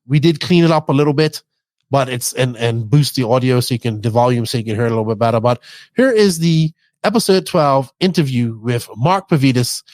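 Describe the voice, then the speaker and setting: A man's voice: medium pitch, animated, a little fast, darkish tone, no echo. A talkative man hosts a podcast in casual, unscripted style. His Bermudian accent is somewhat toned down, and his delivery is informal. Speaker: podcast host.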